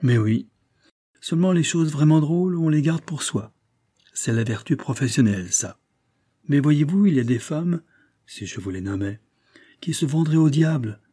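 A man's voice: medium pitch, mellow, pitched above the performer's own voice, lightly acted. A man reading aloud voices a proud, worldly middle-aged woman dressmaker who speaks in a dry, knowing, confiding way.

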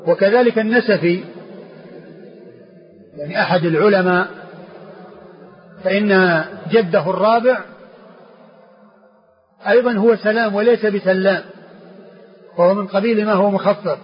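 A man's voice: high-pitched, normal speed, pauses often. A man, a sheikh, explaining a classical text to students, repeating phrases and restarting words as he teaches. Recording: dull lo-fi lecture recording with faint noise.

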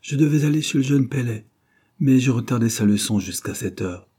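A man voicing an anxious, gravely worried father in an audiobook, evasive and anguished. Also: mid-range voice, lively intonation, brisk, warm tone.

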